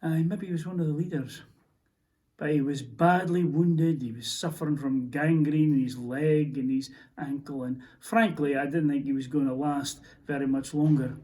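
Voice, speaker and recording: A man with a Scottish accent playing a haunted soldier in a theatrical monologue, telling his story in a halting, stammering, emotional way. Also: fairly high pitch, fairly even intonation, mellow, natural voice. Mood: reflective. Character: Scottish soldier recounting a prisoner's execution, haunted. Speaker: stage actor. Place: theatre stage.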